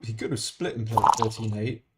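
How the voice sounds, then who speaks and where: A man's voice: on the low side, fairly even intonation, brisk, heavy background noise. A man streaming an online backgammon game, chatting casually in a dry, self-deprecating way and muttering his thoughts to himself at a desk microphone.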